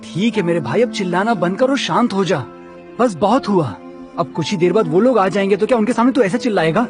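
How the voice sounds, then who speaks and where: A man dubbing a bossy, persuasive young man who keeps calming his friend in a TV drama. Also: high voice, a little fast, natural voice. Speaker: father's friend. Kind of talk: Hindi TV drama dub. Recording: dubbed dialogue over music.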